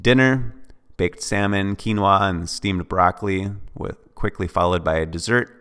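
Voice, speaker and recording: A man with a low, deep voice reads through a wellness course script. He moves steadily from item to item and now and then drops a quick offhand aside. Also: clear, resonant tone. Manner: steady list-reading with occasional offhand asides. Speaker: fitness program instructor. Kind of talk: reading a course script aloud.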